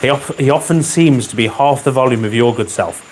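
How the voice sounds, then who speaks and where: Male livestream host, mid-pitched, chatty and dryly funny, frequent throat-clearing, faint room hiss. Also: a little fast, a little mellow, rough recording. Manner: chatty, reads out viewer comments with dry humor. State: keeps clearing his throat. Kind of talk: casual live chat. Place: home garage with a model railway layout. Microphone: wearing a microphone.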